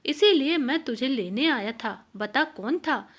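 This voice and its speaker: A woman voicing a suspicious, quick-tempered husband in a folk tale, speaking in an accusing, scolding way. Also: high-pitched, expressive, fairly bright tone, exaggerated voice. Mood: angry. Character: suspicious, angry village husband.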